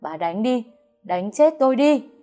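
A woman's voice: mid-range voice, moderate pace, darkish tone, soft background music, natural voice. A woman voicing a defiant, desperate young adult daughter in a storybook reading, speaking in raised outbursts.

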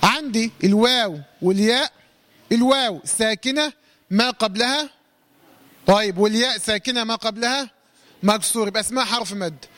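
A man with an Egyptian accent teaching a Quran recitation lesson. He quizzes his listeners, answers his own questions and draws out words slowly to demonstrate them. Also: sits high, a bit bright. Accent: Egyptian Arabic. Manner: slowly drawn-out recitation demos.

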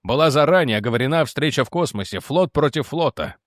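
A man playing a weary, calm general. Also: no echo, clean studio sound, natural voice. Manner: calm, measured, low delivery. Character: weary, calm middle-aged male general.

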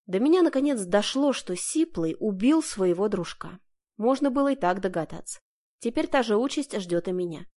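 Brief: woman reading a first-person story aloud, dramatic and emotional, middle pitch. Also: expressive, normal speed, dark tone. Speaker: audiobook narrator. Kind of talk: first-person audiobook narration.

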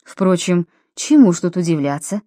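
A woman reading an audiobook, voicing a cheerful, smooth-talking middle-aged male dentist in a slightly lowered voice. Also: normal speed, no echo, studio quality, natural voice. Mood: flattering. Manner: genial, flattering, slightly lowered voice.

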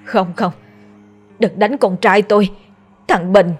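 A woman's voice: medium pitch, sing-song, unhurried, pushed and bright, soft background music. A woman with a Southern Vietnamese accent voicing a grieving older woman who wails and cries in terror over ghosts. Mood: terrified wailing. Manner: wailing, panicked cries. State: crying.

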